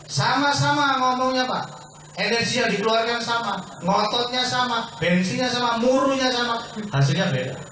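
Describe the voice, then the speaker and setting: High-voiced man pitching in an echoey hall. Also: expressive, normal speed, bright, forceful tone, slight background noise. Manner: persuasive, asks the audience questions and answers them himself; keeps addressing listeners as "Pak". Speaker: business opportunity presenter. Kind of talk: sales seminar talk to an audience. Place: meeting hall with an audience. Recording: very echoey hall, picked up from far off.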